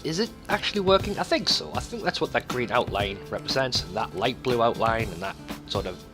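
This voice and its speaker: A let's play host gives casual, rambling video game commentary, swearing freely and talking to himself while he plays, with game music behind his voice. He speaks fairly quickly at medium pitch with lively intonation.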